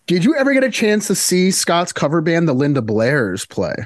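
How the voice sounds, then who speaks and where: A man hosting a casual interview, asking relaxed questions. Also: on the high side, normal speed. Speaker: podcast host.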